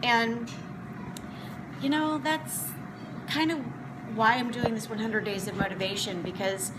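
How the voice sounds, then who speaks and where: Speaking unhurriedly with fairly even intonation, this fairly high-pitched woman in her forties rambles conversationally to her viewers. She's a motivational vlog host and food prep coach, and the background is noisy.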